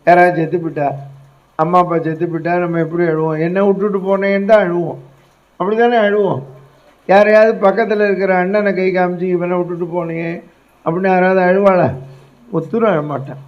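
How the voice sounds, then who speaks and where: A man's voice: high voice, fairly even intonation, fairly quick, dull audio. A man from Tamil Nadu, India, telling an epic in an emphatic sermon, checking in with his audience. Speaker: religious storyteller.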